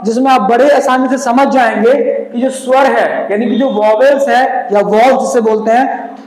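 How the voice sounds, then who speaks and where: High-voiced man teaching phonics, echoey room. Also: darkish tone. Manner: patient, repeats examples slowly word by word. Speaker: English teacher. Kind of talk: whiteboard phonics lesson. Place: classroom at a board. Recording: echoey room with long reverb.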